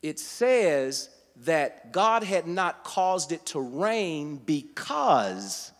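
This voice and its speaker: A man preaching a sermon, teaching verse by verse and building to loud, emphatic passages. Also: fairly high pitch, sing-song, drawn-out words, big-room sound. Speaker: guest preacher. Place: church sanctuary.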